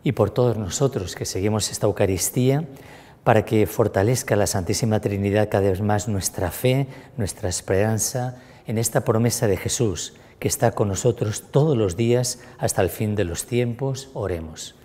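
A man, a priest, celebrating Mass, praying in a solemn, measured way in a church. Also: on the low side, mellow. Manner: solemn, measured liturgical prayer. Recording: echoey church with long reverb.

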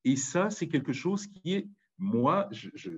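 A man's voice: a little high, animated, unhurried, breathy edge, dull audio. A man with a Parisian accent giving an impassioned, emphatic public talk. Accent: Parisian French. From France. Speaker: speaker. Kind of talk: public talk on language and community.

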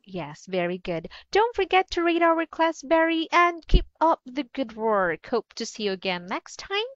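A woman's voice: high-pitched, big pitch swings, measured pace, a bit bright, no room sound. A woman teaching an online English lesson, cheerful and encouraging, laughing often. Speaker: ESL teacher. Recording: dull lo-fi sound.

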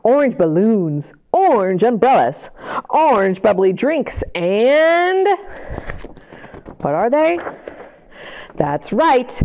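At family storytime, a woman librarian with a slightly high voice reads picture books slowly, pausing often. Her delivery is animated and sing-song, full of delighted gasps and questions for the children.

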